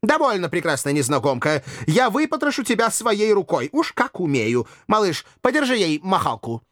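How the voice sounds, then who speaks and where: A man's voice: fairly high pitch, big pitch swings, moderate pace, dry recording, studio quality, voice pushed up. A man voicing a gallant, theatrical young nobleman with florid, mock-courteous speech. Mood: playful. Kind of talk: audiobook character voice.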